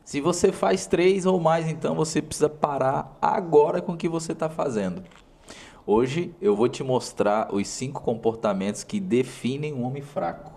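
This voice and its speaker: A man's voice: on the high side, normal speed, a little mellow. Emphatic Brazilian man giving motivational talk. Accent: Brazilian Portuguese. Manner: emphatic, speaks directly to the viewer; punchy repeated short phrases. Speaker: host.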